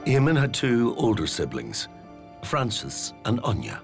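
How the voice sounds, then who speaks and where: A man's voice: mid-range voice, wildly swooping pitch, a little slow, creaky. A man giving sober, informative scripted narration for a true-crime documentary. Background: music.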